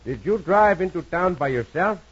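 Lively, commanding cowboy hero. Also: male voice, high voice, normal speed, slightly rough. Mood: stern, questioning. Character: Cisco, confident, commanding, gallant Mexican cowboy hero. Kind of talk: old radio western acting. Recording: muffled old radio recording.

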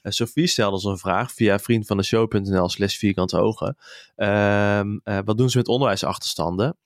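A man's voice: lowish voice, steady tone, moderate pace, dry recording, clean studio sound. A man from the Netherlands co-hosting a podcast, telling stories in casual chat with many fillers. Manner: chatty storyteller with many fillers. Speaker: podcast co-host.

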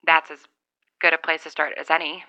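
Casting: woman as a lone survivor on a walkie-talkie, low bright voice, dull dry lo-fi sound, wry and rambling. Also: level tone, a little fast, clean tone, no room sound. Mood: musing. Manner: wry, rambling, thinking aloud. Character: lone woman survivor keeping a radio log. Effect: talking over a CB walkie-talkie radio. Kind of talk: audio drama monologue.

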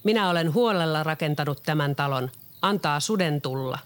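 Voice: medium pitch, natural voice. Storybook role: a sensible scolding little pig, read by the narrator. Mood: self-assured. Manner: calm, scolding, self-assured. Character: wise, hardworking little pig.

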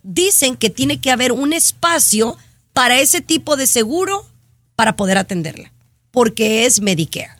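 A woman hosting a casual chat show, telling stories in an animated, exasperated way. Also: fairly high pitch, moderate pace, no echo. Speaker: show host. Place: in Florida.

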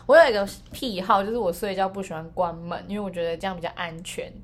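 A woman's voice: medium pitch, fairly even intonation, fast talker, slight background noise. A woman co-hosting a casual podcast, telling a story in a rambling way with many restarts. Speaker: podcast co-host.

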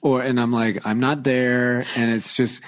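A man in his forties chatting about fatherhood, animated, acting out quotes with big jumps in his voice. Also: medium pitch, a little slow. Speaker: guest, author and father. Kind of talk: casual podcast conversation.

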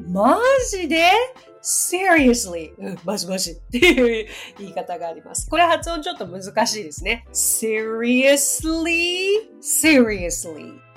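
A woman's voice: medium pitch, sing-song, fairly quick, few pauses, a bit bright, slightly rough, soft background music. A woman hosting a podcast English lesson, chatty and friendly, with laughs between her explanations.

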